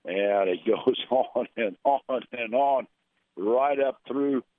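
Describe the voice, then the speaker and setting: A man's voice: mid-range voice, slow pace, no room sound. A man, announcing a local radio basketball broadcast and reading scores and schedules in a conversational way. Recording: narrow phone-like radio sound.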